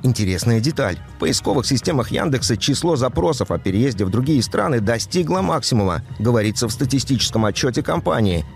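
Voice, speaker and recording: A man narrating a news report as a voice-over in an even, measured delivery. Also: mid-range voice, creaky, faint music behind.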